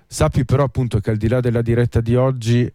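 A man's voice: mid-range voice, level tone, quick pace, dark tone, no echo. A man hosting a radio interview in a courteous, wordy, conversational way. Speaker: radio host.

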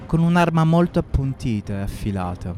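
A man's voice: mid-range voice, big pitch swings, brisk, warm tone, close to an everyday voice. Man doing a defiant anarchist guy, terse and curt, darkish voice, music behind. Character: defiant young male anarchist assassin. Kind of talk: historical radio drama.

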